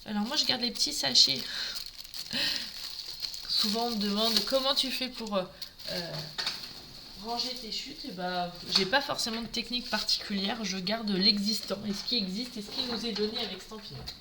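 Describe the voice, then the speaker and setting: A French craft demonstrator with a Norman accent chats her way through a live crafting tutorial, greeting viewers while she works. Her voice is on the high side, and the recording is very noisy.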